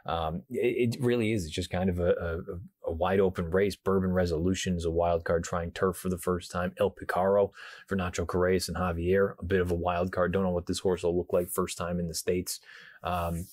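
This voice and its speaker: Hushed, low-pitched man previewing races. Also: little pitch movement, normal speed, dry recording. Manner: hushed, quiet indoor voice, holding volume down. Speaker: horse racing show host. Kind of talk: casual race preview commentary. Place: hotel room.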